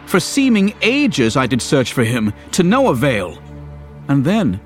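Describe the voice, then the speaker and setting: An actor playing an earnest, exasperated young hero in Shakespearean verse, declaimed like a hammy stage performer. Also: male voice, mid-range voice, huge pitch swings, unhurried, faint music behind. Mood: lamenting, dramatic. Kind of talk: dramatic Shakespearean verse reading.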